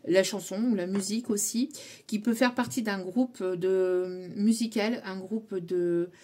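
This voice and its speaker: Woman tarot reader, soft mellow tone, halting delivery that relays her guides' messages, playful asides. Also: mid-range voice, fairly even intonation. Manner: hesitant, many fillers, relays what her guides say; chuckles often, playful asides. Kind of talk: spoken tarot reading to camera.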